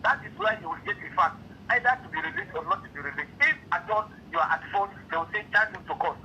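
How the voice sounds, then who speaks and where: A man's voice: high voice, sing-song, fast talker, creaky, pushed and bright, slight background noise. A man talking on a phone call heard through a speakerphone, so his voice comes over a clipped phone line. He is an official explaining a delay, and he keeps repeating himself and asking rhetorical questions. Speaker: official handling an impounded car.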